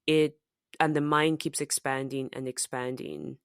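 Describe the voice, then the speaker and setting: This Zambian woman co-hosts a podcast, her accent mellowed by years spent in the US and UK. She speaks unhurriedly in a low, creaky voice with a level tone, reflecting casually and often using fillers and restarting sentences. The studio sound is clean, with no room sound.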